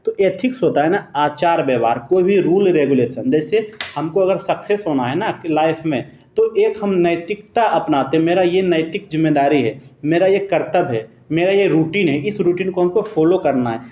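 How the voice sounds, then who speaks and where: A man's voice: fairly high pitch, moderate pace, hardly any pauses, dark tone, a little hiss or hum. Man teaching in an echoey room. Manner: explains step by step and quizzes students with rhetorical questions; corrects himself mid-sentence. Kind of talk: exam-prep lesson explaining multiple-choice answers.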